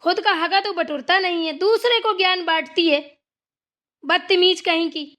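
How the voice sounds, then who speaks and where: Brief: a woman doing a stern cartoon saas, high and bossy, scolds without pause. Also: sharp tone. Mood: scolding. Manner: scolding, bossy, repeats "theek hai na". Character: stern scolding Hindi mother-in-law, fasting and irritable. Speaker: voice actor. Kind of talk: Hindi cartoon voice acting.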